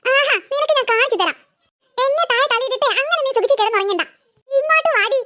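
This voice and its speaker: A whiny, indignant cartoon girl, squeaky and very high, rattling off her grievances at speed. The voice is bright and sharp, with close, dry sound. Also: animated, fast, no echo, exaggerated voice. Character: little girl, whiny, squabbling with her sister. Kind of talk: cartoon voice acting.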